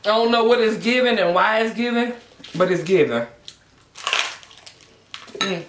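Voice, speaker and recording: A vlogger chatting casually and bluntly to viewers between bites of food, telling things in an animated way. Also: medium pitch, a little slow. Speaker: mukbang vlogger. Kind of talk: casual chatty mukbang vlog while eating. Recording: echoey room.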